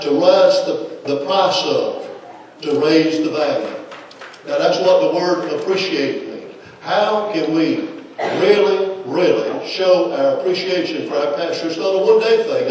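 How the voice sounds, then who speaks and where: A man's voice: a little high, darkish tone, a little hiss or hum. A man preaching as a guest, building to emphatic preaching in a church sanctuary. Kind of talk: sermon. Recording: very echoey church from far off.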